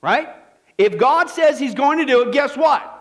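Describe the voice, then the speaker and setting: A man preaching a sermon as pastor, animated and full of rhetorical questions that he keeps checking with "okay?". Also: very high voice, normal speed.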